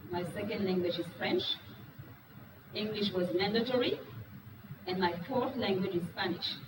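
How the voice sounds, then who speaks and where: A woman speaks at normal speed in a medium-pitched voice during a business presentation to a live audience in a meeting room. Wolof is her first language; she's frank and earnest and asks the audience questions. The recording is distant, echoey, and noisy.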